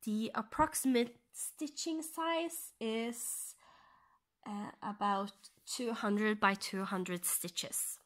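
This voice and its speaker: A Norwegian woman speaks English as her second language, her accent clear, while she explains her cross-stitching in a soft near-whisper. Her voice sits a little high, and she pauses as she thinks out loud in this relaxed stitch-along tutorial.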